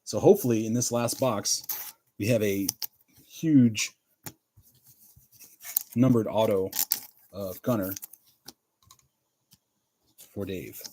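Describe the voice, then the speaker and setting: A man's voice: lowish voice, takes it slowly, long pauses, dark tone, slight background noise. A man hosting a live card break, chatting casually, calling out players and laughing often. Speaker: card breaker livestream host.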